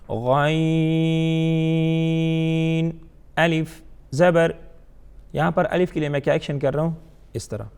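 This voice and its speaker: A man teaching Quran reading, who slowly draws out each letter and then chants the syllables loudly, and often clears his throat. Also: fairly high pitch. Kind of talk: slow spelled-out teaching drill.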